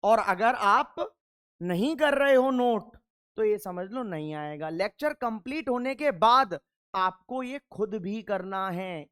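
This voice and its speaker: A man's voice: high voice, smooth. Stern male teacher quizzing himself aloud. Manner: asks questions and answers them himself; stern, emphatic, drills points by repetition. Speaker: chemistry teacher. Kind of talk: classroom lecture working through problems.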